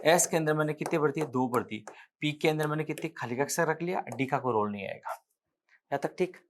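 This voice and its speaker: A man's voice: on the high side, brisk, a little hiss or hum. A man with a Rajasthani accent teaching an exam-prep chemistry lecture, explaining step by step, counting aloud and correcting himself as he writes on the board.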